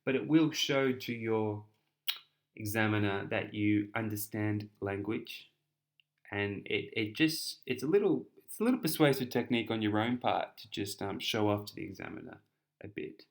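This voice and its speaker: A man's voice: on the low side, lively intonation, moderate pace, gravelly. A young man with an Australian accent explains an essay in a chatty, casual tutoring style, often repeating words and restarting.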